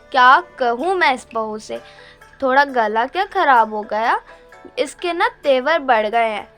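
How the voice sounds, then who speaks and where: A woman's voice: sits high, expressive, takes it slowly, long pauses, soft background music, full character voice. A woman playing a nagging older mother-in-law with a sore throat who keeps coughing and scolding in a comic family skit. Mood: grumbling. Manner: complaining, scolding, calls out loudly.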